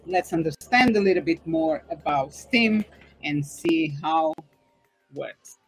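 A woman's voice: sits low, lively intonation, slow, soft background music, rough recording. A woman from Portugal hosting a casual podcast interview, effusive and chatty. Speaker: podcast host.

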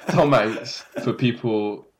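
A man in relaxed conversation, laughing easily and often trailing off mid-sentence. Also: medium pitch, takes it slowly. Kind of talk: casual chat.

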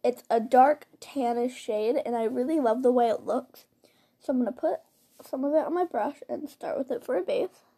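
A woman with a high voice hosts an informal tutorial, talking through each step in a chatty way as she works. She is recorded on a simple built-in laptop-style mic instead of a proper studio microphone. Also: moderate pace, mellow, breathy edge. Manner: chatty, informal, step-by-step narration while doing makeup. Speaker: host of a makeup tutorial show. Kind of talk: casual spoken makeup tutorial. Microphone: built-in device mic rather than usual microphone.

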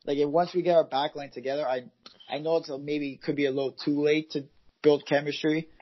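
A man's voice: on the high side, little pitch movement, a little fast, muffled recording, slight background noise. A man co-hosting a casual football podcast, rambling with many fillers and restarts. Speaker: podcast co-host, football fan. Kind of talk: casual chat.

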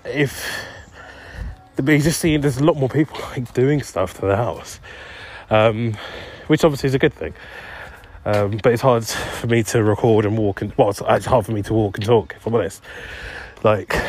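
A man's voice: medium pitch, darkish tone. Rambling young man walking outdoors. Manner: rambling, self-deprecating, easily distracted. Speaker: podcast host. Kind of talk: casual solo podcast monologue while walking. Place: outdoors on a street.

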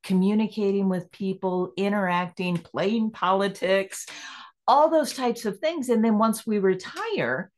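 A middle-aged woman appears as a guest on a podcast, speaking unhurriedly in a mid-range voice. In this conversational interview she is reflective and laughs easily, voicing her own inner questions aloud as she goes.

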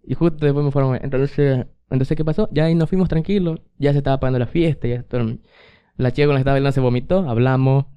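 A man's voice: mid-range voice, steady tone, rapid-fire, smooth, dull audio. Young man telling a rambling story. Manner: rambling, laughs often, acts out quotes. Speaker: podcast co-host. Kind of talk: casual storytelling chat.

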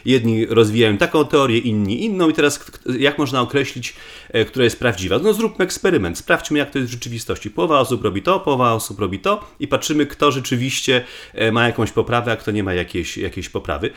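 A man's voice: medium pitch, expressive, fast talker, fairly bright tone. A man from Poland explains things conversationally as a guest researcher, often repeating words and restarting as he thinks aloud.

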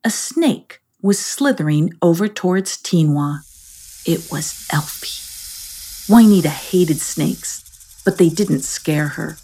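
Lady reading a kids' storybook, slow and gentle, kinda husky and gravelly. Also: fairly low pitch, animated. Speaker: narrator. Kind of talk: scripted storybook narration.

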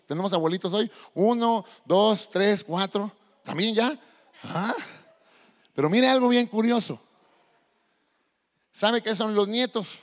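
A male pastor preaching a sermon, animated and asking the congregation questions. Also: sits high. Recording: long hall reverb.

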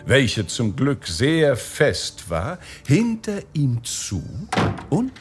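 Slow, expressive male storyteller. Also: medium pitch, soft background music. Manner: slow, expressive, lively intonation. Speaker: narrator. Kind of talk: storybook reading.

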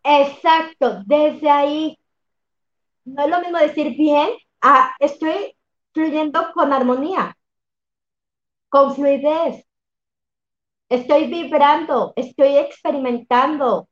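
A high-pitched woman talks reflectively and with emphasis, often affirming what she hears. Her voice carries a roomy echo, and the recording sounds somewhat dull and lo-fi. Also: takes it slowly, pauses often. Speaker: workshop facilitator and coach. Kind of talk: casual conversation.

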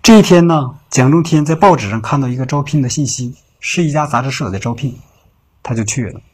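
A man narrating a late-night story in an unhurried, conversational way. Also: mid-range voice, expressive. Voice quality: very husky. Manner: unhurried, conversational telling with filler particles.

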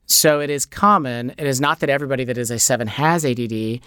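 A middle-aged man speaks as a guest on a radio show. His voice is smooth and resonant, heard dry and close in the studio. He talks in an animated, conversational way, with plenty of "like" and "you know.". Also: medium pitch, quick pace, no room sound.

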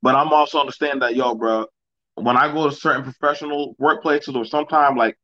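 Blunt bright-voiced man, lo-fi dry mic. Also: mid-range voice, fairly quick, no echo. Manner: blunt and animated, drops into voices when quoting people. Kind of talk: casual podcast chat.

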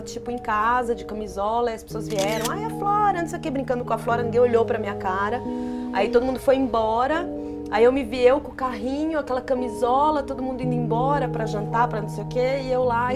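A woman in casual conversation, chatting frankly and quickly agreeing with the others. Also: fairly high pitch. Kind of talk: casual chat. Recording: loud music behind.

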